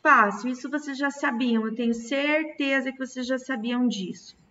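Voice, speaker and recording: A woman's voice: high-pitched, normal speed, bright, forceful tone. A Brazilian woman teaching a recorded lesson to children, patient and stretching out key words. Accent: Brazilian Portuguese. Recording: distant, dull lo-fi mic.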